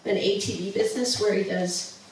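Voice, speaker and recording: Mid-range and a little mellow, this woman's voice is fairly quick with fairly even intonation. She gives a casual, enthusiastic travel slideshow talk in a museum presentation room, with lots of ums and restarts. The recording, from a distant mic in a very echoey room, has slight background noise.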